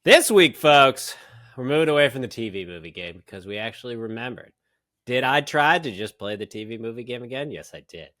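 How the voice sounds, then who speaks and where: A man's voice: medium pitch, a little fast, no echo, studio quality. A man co-hosting a podcast in casual chat, teasing his friend and reading out quiz questions. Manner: teasing, animated. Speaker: podcast co-host. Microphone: phone camera.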